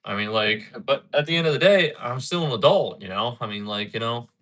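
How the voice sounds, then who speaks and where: Thirties male streamer, bright forward voice, loose rambling chat with viewers. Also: medium pitch, lively intonation, a little fast. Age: 30s. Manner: rambling, repeats himself, talks back to chat. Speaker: livestreamer. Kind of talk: casual live-stream chat.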